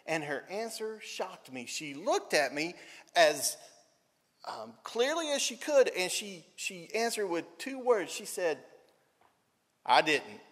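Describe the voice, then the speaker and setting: Middle-aged Southern pastor, higher-voiced man, earnest storytelling sermon, big hall reverb. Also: expressive, unhurried. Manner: earnest, storytelling, repeats phrases for emphasis. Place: church sanctuary. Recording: long church hall reverb.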